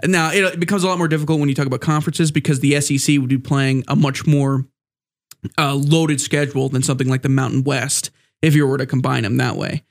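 A man's voice: medium pitch, flat delivery, quick pace. A man with a stuffy, congested nose and a mild sore throat, hosting a casual sports podcast in a rambling, conversational way. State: mildly sick with a sore throat. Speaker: podcast host.

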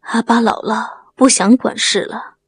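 A grateful old village head, as a woman reads him, his voice choked and trembling with tears. The voice is a little husky and sits fairly high, with a dry, close sound. This is an audiobook story. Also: fairly even intonation, measured pace, no echo.

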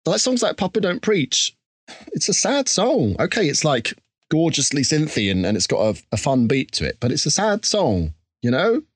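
Slightly high and full of big pitch swings, his voice moves at a moderate pace with a breathy edge, captured in a dry, clean studio recording. The speaker, a musician from Essex, England, has an Essex accent and guests on a casual interview, talking candidly, reflectively and self-deprecatingly in a conversational way.

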